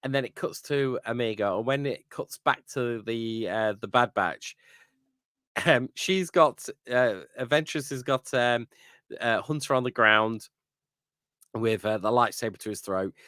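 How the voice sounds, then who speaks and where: In a studio-quality, dry recording, a male podcast co-host talks through an episode in a relaxed review, leaning on fillers and "you know what I mean" questions. His mid-range voice is a little slow, pushed and bright yet smooth.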